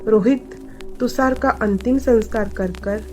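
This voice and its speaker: Slow woman storyteller over music. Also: fairly high pitch. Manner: steady, dramatic telling. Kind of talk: scripted story narration.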